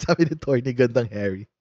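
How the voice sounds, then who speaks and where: A man's voice: a little high, no echo, highs cut off. A man giving casual, mocking live commentary on the news, laughing often and repeating his jabs. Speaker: political commentary host.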